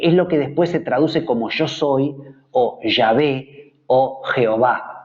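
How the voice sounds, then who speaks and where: A man with a Rioplatense Spanish accent gives a Bible study lecture at a medium pitch. He explains step by step and often repeats a word before going on. The recording is dull and lo-fi. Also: darkish tone. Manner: explanatory, repeats words while searching for the next. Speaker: Bible teacher.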